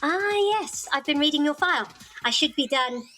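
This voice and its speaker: An actress with a British accent playing a new school principal who teases with dry wit. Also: female voice, sits high, animated, moderate pace, sharp tone, soft background music. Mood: teasing.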